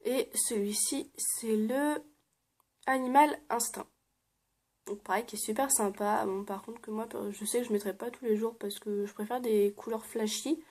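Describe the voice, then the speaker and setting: A young woman with a slightly high voice talks easily and casually to her viewers in a vlog. She fills her pauses with soft hesitations, often laughs, and now and then drops to a quiet murmur. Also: steady tone. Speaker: beauty vlogger. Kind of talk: casual show-and-tell vlog.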